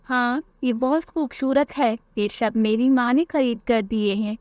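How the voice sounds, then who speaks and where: A woman's voice: a little high, unhurried, darkish tone, no echo, close to an everyday voice. A woman voicing a playful young boy bird in a cartoon who talks in a fidgety, fibbing way. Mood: nervous.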